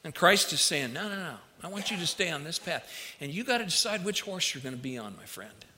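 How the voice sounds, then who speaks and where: Bright-voiced preacher man speaking with a retainer. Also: fairly high pitch, animated, fairly quick, a little hiss or hum. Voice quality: speech slightly affected by a dental retainer. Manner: folksy, direct address to listeners with anecdotes. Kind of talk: conversational sermon. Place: large hall, speaking to a congregation. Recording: long hall reverberation.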